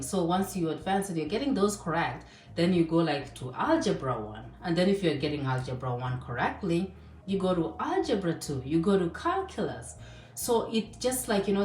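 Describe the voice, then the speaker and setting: A woman's voice: fairly low pitch, darkish tone, a little hiss or hum. A woman from Kenya giving casual advice in a chatty way, full of fillers and asides. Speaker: vlogger. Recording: echoey room, voice a bit distant.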